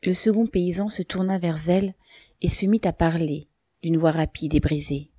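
A woman narrating a novel as an audiobook, reading calmly and evenly. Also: fairly low pitch, moderate pace, dry recording.

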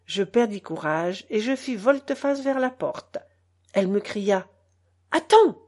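A woman reading a novel aloud as an audiobook narrator, in measured, even storytelling. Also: mid-range voice, slightly rough. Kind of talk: scripted narration.

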